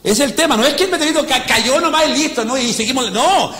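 A man's voice: extremely high pitch, expressive, fast, sharp tone. A man preaching as a pastor, emphatic, often asking the congregation if they follow. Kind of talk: animated preaching. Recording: long hall reverb.

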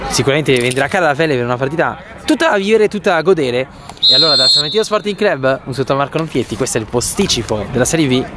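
A man giving excited play-by-play football commentary in the manner of goal commentary. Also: on the high side. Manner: animated, bursting into drawn-out shouts at goals and shots. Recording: crowd and outdoor noise behind.

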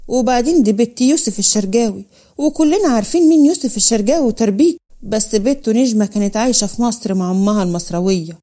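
A firm, earnest young groom, as a woman narrator reads his lines. The voice sits a little high and sounds mellow, and he speaks with steady seriousness in an audio storybook. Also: fast. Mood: stern. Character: stern protective young Upper Egyptian groom.

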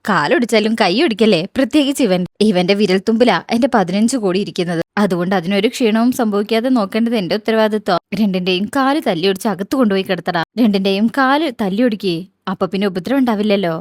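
A woman's voice: mid-range voice, quick pace, no echo, clean studio sound, natural voice. A woman voicing a scheming middle-aged male villain who gives orders to henchmen in a retold serial. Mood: menacing.

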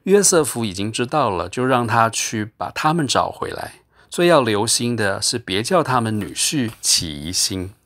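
A man's voice: medium pitch, very animated, normal speed, fairly bright tone. A man voicing a harsh, thrifty middle-aged mother who scolds sharply in an audiobook reading. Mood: urgent.

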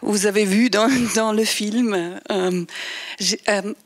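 A middle-aged woman with a foreign accent in French, speaking haltingly as a guest on a live panel, into a handheld microphone. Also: medium pitch, fairly even intonation. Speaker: documentary director, panel guest. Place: theatre stage.

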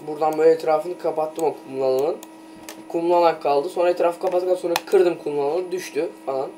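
A man's voice: fairly high pitch, dark tone, a little hiss or hum. A young man casually commenting on his game as he plays, talking to himself with many fillers and trying to sneeze. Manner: chatty, talks to himself while playing, many "ee" fillers. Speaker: gameplay commentator. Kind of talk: casual let's play commentary.

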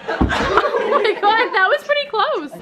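Young woman, high pitch, excitable casual banter, very noisy handheld camera sound. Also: takes it slowly. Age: young adult. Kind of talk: casual chat among friends. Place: small living room and kitchen with friends.

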